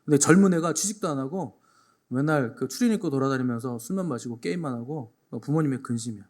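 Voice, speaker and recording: A pastor preaches a Sunday sermon to his congregation in a church, repeating key phrases for emphasis and telling jokes. His medium-pitched voice is darkish and moves at a quick pace.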